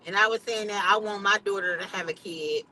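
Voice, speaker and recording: A woman's voice: mid-range voice, a little fast, pushed and bright, slight background noise, low-quality recording. A middle-aged woman chatting casually on a livestream, blunt and emphatic, swearing freely. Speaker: vlogger.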